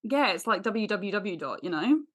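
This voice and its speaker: A woman's voice: medium pitch, fairly bright tone. A woman co-hosting a podcast, chatting casually, playful and laughing often. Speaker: podcast co-host. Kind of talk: casual chat.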